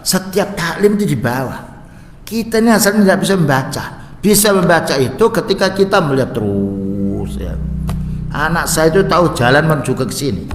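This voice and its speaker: A man giving a religious study lecture in a mosque, explaining in Indonesian and reciting Arabic verses slowly and drawn out. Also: a little high. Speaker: Islamic religious teacher. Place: mosque hall. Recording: echoey reverberant mosque hall.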